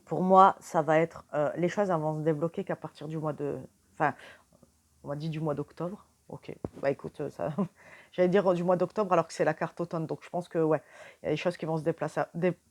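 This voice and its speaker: The speaker is a tired young tarot reader, chatting casually and directly to the viewer with many fillers while whispering questions to her cards. Her voice is low and a little mellow, with fairly even intonation and a fairly quick pace.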